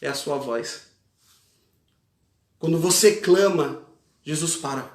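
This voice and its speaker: A man's voice: fairly high pitch, takes it slowly. A man with a Brazilian Portuguese accent preaching a fervent sermon as a pastor, repeating key phrases with emphasis. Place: church. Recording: echoey church hall.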